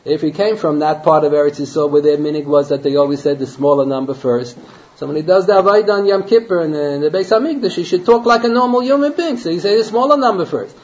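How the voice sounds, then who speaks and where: Talking fast in a slightly high voice, this rabbi gives a Torah lecture to his Talmud class in a conversational tone. He poses rhetorical questions and sprinkles Hebrew and Yiddish terms through his English, captured in a dull lo-fi recording.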